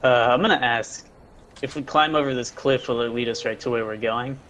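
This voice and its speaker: A man's voice: mid-range voice, a little fast, a bit bright, a little hiss or hum. Man asking questions at a game table. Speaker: player. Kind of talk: casual tabletop game play.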